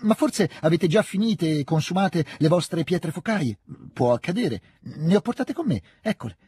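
A man's voice: a little high, wildly swooping pitch, warm tone, husky, no echo, pitched above the performer's own voice, full character voice. A man voicing an eager teenage boy officer. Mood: excited. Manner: rushed, overeager, generous.

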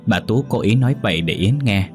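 A man narrating a ghost story in a calm, measured way. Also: on the low side. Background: faint music.

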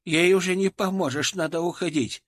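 A man's voice: sits high, brisk, pitched above the performer's own voice. A man voicing a flustered gray-haired old man who mumbles and hesitates.

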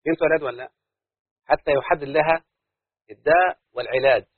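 A man's voice: fairly high pitch, quick pace, husky, no echo. A man with an Egyptian accent teaching a classroom lesson, who keeps quizzing his students on whether they follow. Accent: Egyptian Arabic. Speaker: teacher of Arabic prosody. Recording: dry, narrow phone-like lo-fi sound.

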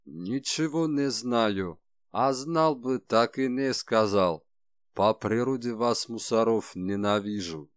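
A man's voice: medium pitch, slow, no room sound, natural voice. A sullen old crime boss, read by a man narrating an audiobook, grumbling with crude slang and open scorn. The voice sits in a middle register. The recording is dry and close.

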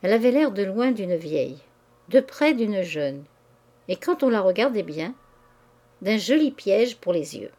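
A woman's voice: mid-range voice, sing-song, unhurried, mellow. Woman reading a classic novel aloud. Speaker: audiobook reader. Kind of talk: audiobook narration.

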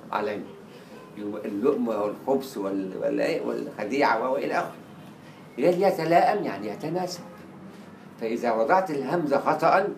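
This lecture on Arabic writing comes from a mid-range male voice with an Egyptian Arabic accent, recorded in an echoey lecture hall with faint hiss. Animated throughout, he performs quoted dialogue and has words repeated to practice pronunciation.

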